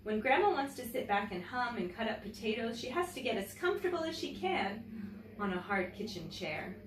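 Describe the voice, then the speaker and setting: A woman teacher reading a picture book aloud to children in an expressive storytelling manner, pausing to comment and ask questions. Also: fairly high pitch. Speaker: teacher and story-time host. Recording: roomy, distant mic, faint background noise.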